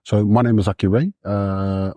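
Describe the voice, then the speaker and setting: Man, 40s, from Samoa, podcast guest, deep, dry close sound. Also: steady tone, warm tone, no room sound. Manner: halting, many fillers and restarts. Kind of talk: podcast interview in a classroom.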